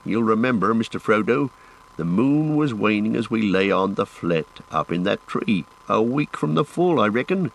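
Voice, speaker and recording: A man's voice: on the low side, gravelly, a bit bright, heavily acted, rough recording. A man voicing a plain-spoken male hobbit who muses in a rustic, homely way.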